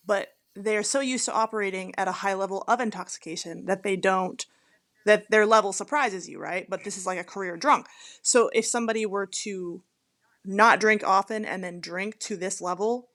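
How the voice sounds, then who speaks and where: A woman's voice: medium pitch, normal speed, fairly bright tone. A woman co-hosting a podcast as a police officer, casual and teasing, swearing freely. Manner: blunt, profane, teasing.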